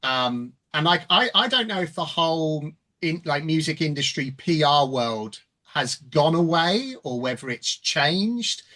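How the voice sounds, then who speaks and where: A man co-hosting a podcast, talking haltingly with many pauses and restarts. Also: fairly high pitch, big pitch swings, sharp tone. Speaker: podcast co-host. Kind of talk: casual podcast chat.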